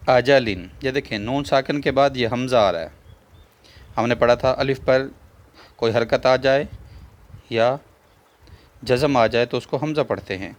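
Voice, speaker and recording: A man with a Pakistani Urdu accent teaching a Quran reading lesson step by step. He spells out letters and vowel marks, drawls the joined words slowly, repeats each rule and puts questions to the viewer. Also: medium pitch.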